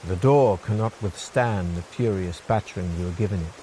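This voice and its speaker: A man narrating a fantasy gamebook adventure in the second person, in a measured storytelling manner. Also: low-pitched, mellow, a little hiss or hum.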